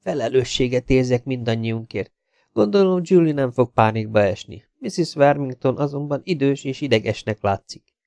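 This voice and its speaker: A serious, responsible meteorologist, as read by a male audiobook narrator. He talks in a measured, quietly earnest way, with an ordinary pitch and a dry, close sound. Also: lively intonation, creaky, no echo. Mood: worried. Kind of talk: audiobook character reading.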